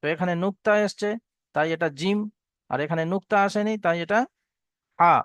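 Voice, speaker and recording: A man teaching Quran recitation to students, spelling out each letter and vowel and then chanting the verse slowly. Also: high-pitched, no room sound. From Bengal.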